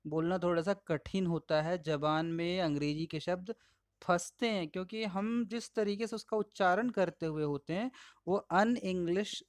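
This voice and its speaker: A male pronunciation teacher with an Indian English accent and Hindi as his first language, slowly and patiently modeling each word aloud while explaining slides. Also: sits high, no echo, clean studio sound. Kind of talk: slide-based lesson.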